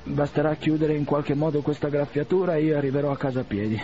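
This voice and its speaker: Guy voicing a proud old gentleman duelist, high strained tone, clipped formal talk, muffled audio. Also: steady tone, fast, lightly acted. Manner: stiff, formal, clipped speech. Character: proud wounded aristocratic duelist, older man.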